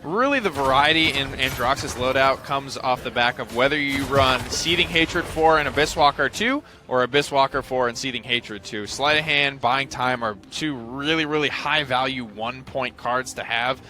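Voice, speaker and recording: A man's voice: medium pitch, sharp tone. A man casting an esports match, breaking down stats and loadouts in a chatty, analytical way. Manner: analytical, chatty, quick bursts of speech. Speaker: esports caster. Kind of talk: esports play-by-play commentary.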